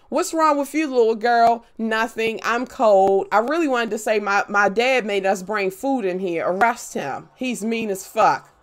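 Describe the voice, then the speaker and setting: A young woman with a slightly high voice chats on her live stream, swearing freely as she tells animated stories. Her talk is loose and casual, full of asides to her viewers. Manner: animated, profane storytelling. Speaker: gaming livestreamer.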